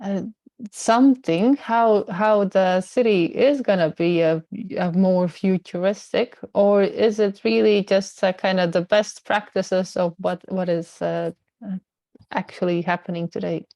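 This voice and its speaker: A woman moderating a conference panel, posing her questions with frequent pauses and fillers. Her voice sits in a middle range and sounds dry and close, with little room sound. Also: mid-range voice, vocal fry, mellow, dry recording. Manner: hesitant, many fillers.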